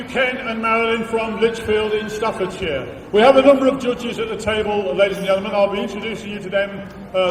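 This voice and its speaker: A man hosts a live competition as its announcer, speaking to the audience in a high voice. The sound is strongly reverberant and far from the microphone, with some noise behind him. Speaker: competition host, master of ceremonies. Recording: echoey, noisy hall, far from mic.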